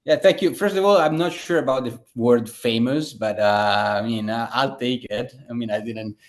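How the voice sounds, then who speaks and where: A man's voice: mid-range voice, normal speed. A man, a guest telling his story in a casual interview, rambling with many fillers and restarts. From Italy. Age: 30s.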